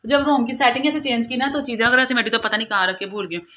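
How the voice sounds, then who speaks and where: Fast-talking chatty young woman. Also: a little high, fairly even intonation, bright, forceful tone, slight background noise. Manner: chatty, confiding, quick to laugh. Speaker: vlogger. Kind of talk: casual chat to camera. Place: at home.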